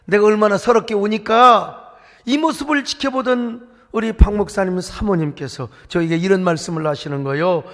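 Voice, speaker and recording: A man's voice: high-pitched, normal speed, a bit bright. A male pastor preaching a sermon, telling stories with emotion and breaking into song now and then. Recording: echoey church hall, faint music.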